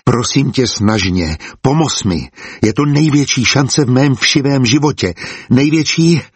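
A man's voice: medium pitch, animated, breathy edge, no room sound. A man reading the lines of a grandiose, eager older uncle who begs his niece for help. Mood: eager, pleading. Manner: eager, theatrical, begging. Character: boastful pleading older uncle, grandiose merchant.

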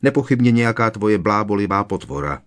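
Bossy know-it-all teen witch girl, read by a guy, firm and clipped, lowish voice. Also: animated, natural voice. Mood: curt. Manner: brisk, firm delivery. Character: bossy, decisive teenage schoolgirl witch.

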